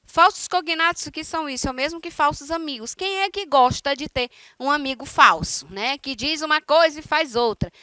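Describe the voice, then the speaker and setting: A woman's voice: high voice, fairly quick, hardly any pauses, bright, forceful tone, dry recording. A woman from Brazil teaching a recorded online lesson, explaining step by step and often checking in with her students. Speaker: Spanish teacher.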